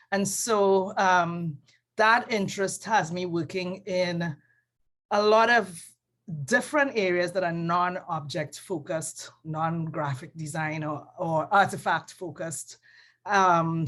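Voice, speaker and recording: A design professor from Trinidad and Tobago, a woman with a fairly low-pitched voice, talks over a video call in a casual panel discussion. She sounds thoughtful and hesitant, pausing a lot and correcting herself.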